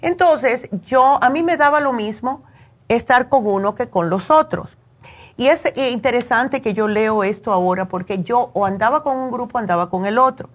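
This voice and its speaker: A fairly high-pitched woman talks at a moderate pace. As a radio call-in host born in Cuba and raised in the US, she chats her way through advice and personal stories, often using tag questions to win agreement.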